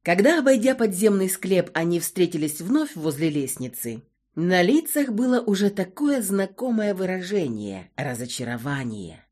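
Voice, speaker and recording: A woman narrating an audiobook in an expressive storytelling manner. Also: lowish voice, normal speed.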